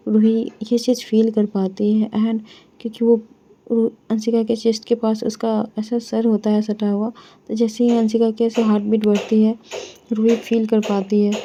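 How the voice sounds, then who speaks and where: A woman's voice: a little high, mellow, slight background noise. A woman storyteller narrating a dramatic story in a simple, flowing tone. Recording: dull lo-fi recording.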